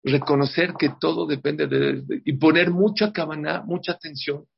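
This religious class before a holiday is taught by a man whose voice is on the high side and gravelly, with fairly even intonation and a moderate pace. He's emphatic, repeats himself, and frequently asks the group "ok?" The dull lo-fi recording has a little hiss or hum.

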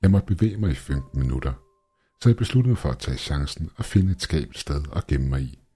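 A man narrating a scripted horror tale in a very low, dark voice. His tone is strongly husky and breathy, and his telling is tense and measured, with faint music underneath. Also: expressive.

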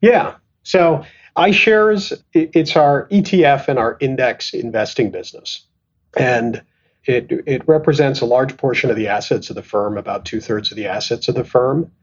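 A middle-aged Canadian man, an asset management executive, tells stories in a conversational interview, thoughtful and self-deprecating, with frequent restarts and fillers. His voice is medium-pitched at normal speed, and the audio sounds dull.

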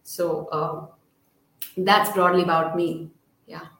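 A woman's voice: on the low side, flat delivery, slow pace, a bit bright. A middle-aged woman, answering interview questions as a guest author in a hesitant, rambling way. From Srinagar, Kashmir, India. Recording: roomy, echoing sound.

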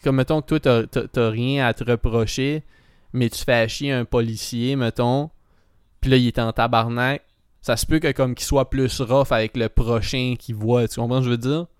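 A man with a Québécois French accent chats casually and rambles through his story, leaning on fillers and slipping in English words. His voice is smooth and resonant. The sound is dry and close, with no room around it. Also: medium pitch, steady tone, normal speed, no echo. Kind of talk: casual chat.

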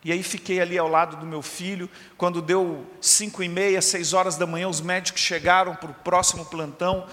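A man preaching a sermon testimony, telling his story dramatically and swinging from loud, urgent lines to hushed ones. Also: high voice, steady tone, moderate pace, hardly any pauses. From southern Minas Gerais, Brazil. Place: church service. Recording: long hall reverb.

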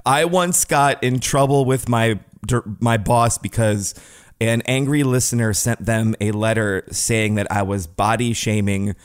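A man's voice: mid-range voice, fairly even intonation, unhurried, clean tone. A young man co-hosting a podcast, chatting casually and joking at his own expense. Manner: self-deprecating, joking. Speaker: podcast co-host.

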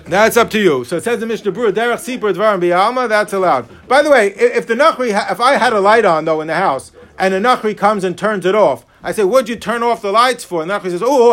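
High-pitched American rabbi with yeshiva-style speech. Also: male voice, fast talker, few pauses. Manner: Yiddish- and Hebrew-peppered yeshiva way of speaking; animated, acting out hypothetical dialogues. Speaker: rabbi teaching a class. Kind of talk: religious law lecture with questions from students.

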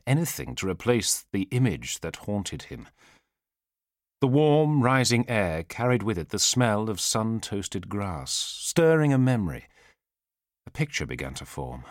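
A man with a deep voice narrates a thriller audiobook, his pitch ranging widely. He speaks in a measured, solemn way, using weighty pauses to build suspense, and the recording is dry and close with no surrounding room.

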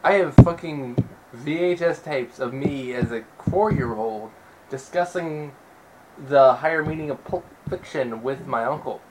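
A man's voice: medium pitch, measured pace, a little hiss or hum, low-quality recording. Blunt, profane man in casual chat. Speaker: podcast co-host.

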